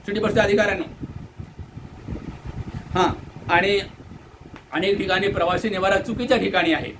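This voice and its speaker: A man from delivers an earnest complaint monologue, asking indignant rhetorical questions and mimicking shouted orders. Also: high voice, fairly even intonation, moderate pace, noisy background. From India. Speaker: Buddhist monk airing commuter complaints. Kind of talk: direct-to-camera complaint monologue.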